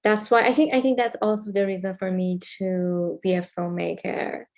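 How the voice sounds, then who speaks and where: Brief: Iranian-accented woman filmmaker, slightly gravelly, halting and reflective, lots of fillers. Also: mid-range voice, level tone, darkish tone. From Iran. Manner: thoughtful, halting, many fillers and restarts. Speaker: filmmaker guest. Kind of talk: casual interview.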